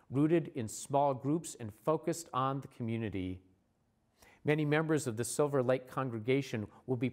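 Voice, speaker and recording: Earnest man preaching with slow refrains. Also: a little high, darkish tone. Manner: measured, earnest delivery with slow repeated refrains. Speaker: church leader. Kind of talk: recorded sermon message.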